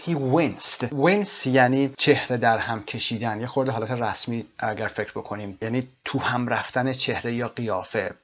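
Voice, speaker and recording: Man teaching English, slow repetitions. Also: mid-range voice, a bit bright, highs cut off. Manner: repeats phrases slowly, then explains them. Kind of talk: language lesson explaining a text.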